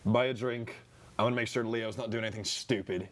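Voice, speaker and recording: A man's voice: lowish voice, steady tone, quick pace, a little hiss or hum. A man playing a tabletop game, bantering playfully with friends. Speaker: player. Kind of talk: casual tabletop game play.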